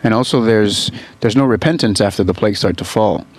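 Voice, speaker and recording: A man co-hosting a call-in radio show, speaking in a smooth, steady radio host manner from a studio microphone. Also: lowish voice, brisk, dry recording.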